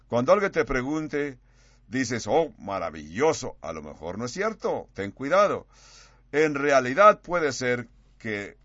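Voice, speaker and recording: A man's voice: a bit bright, dry recording, dull audio. Man preaching with dramatic voice swings. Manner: dramatic, acts out quoted dialogue with big pitch swings. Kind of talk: sermon.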